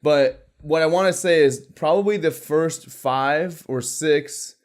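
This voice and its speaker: A man's voice: fairly high pitch, takes it slowly. A man hosting a casual podcast, steering the chat between friends. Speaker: podcast host.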